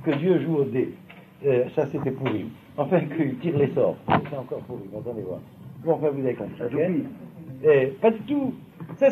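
A man teaching a Talmud class, explaining at length and often checking that his students follow. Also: fairly high pitch. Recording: tinny lo-fi recording with faint noise.

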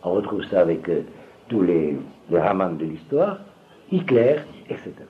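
A man's voice: sits low, very animated, normal speed. An older man giving a rambling religious lecture to an audience, often stopping to ask if they follow. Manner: digressive, keeps checking if listeners follow. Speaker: religious teacher. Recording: dull lo-fi recording with faint room noise.

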